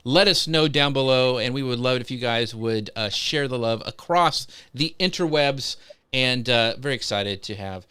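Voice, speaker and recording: A man's voice: mid-range voice, normal speed, pushed and bright, smooth. A man hosting a live social media show, upbeat, greeting guests and reading out viewer comments. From United States.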